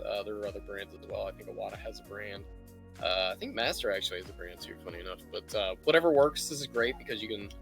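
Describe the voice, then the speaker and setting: Lowish yet fairly bright in tone, a man explains things casually as the host of a livestream painting lesson. He's chatty and easygoing, and music runs in the background.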